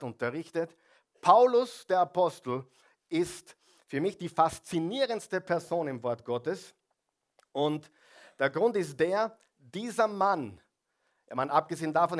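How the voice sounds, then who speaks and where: A man preaching a sermon, emphatic and putting questions straight to the congregation. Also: fairly high pitch. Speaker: pastor.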